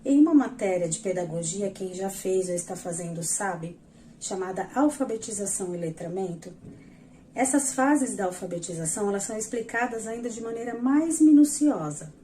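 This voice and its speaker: A woman's voice: mid-range voice, expressive, moderate pace, mellow, a little hiss or hum. A woman teaching a lesson, patiently explaining examples step by step and talking directly to her viewers. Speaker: educational psychologist teaching. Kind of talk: explanatory lesson over slides.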